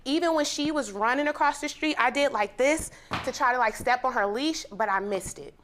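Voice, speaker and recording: A woman's voice: sits high, brisk, slight background noise. A woman testifying as plaintiff on a TV court show, telling her story in a vivid, emotional way. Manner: vivid, animated retelling. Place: TV courtroom set.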